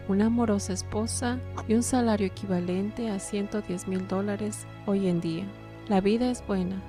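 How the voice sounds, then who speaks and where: A woman reading scripted documentary narration for a video, addressing the listener directly, with music behind her. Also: mid-range voice.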